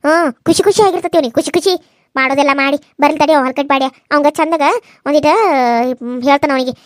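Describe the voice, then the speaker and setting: A woman's voice: high-pitched, steady tone, no room sound, studio quality, close to an everyday voice. Woman voicing a scolding North Karnataka mother-in-law. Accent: North Karnataka Kannada. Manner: sharp, scolding, rapid. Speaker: voice actor. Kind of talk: cartoon serial voice acting.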